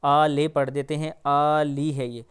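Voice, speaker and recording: Man slowly drawing out recited words. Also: a little high, level tone, clear, resonant tone. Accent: Pakistani Urdu. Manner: drawls words slowly to model, then explains quickly. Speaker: Quran recitation teacher. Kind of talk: pronunciation lesson.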